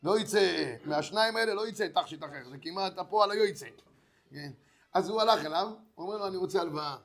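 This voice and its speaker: A man preaches in a high, bright voice. He tells his lesson as a lively story and slips into the voices of its characters as he goes. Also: gravelly. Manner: animated storyteller who acts out the dialogue of characters. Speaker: rabbi giving a Torah lesson. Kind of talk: storytelling sermon.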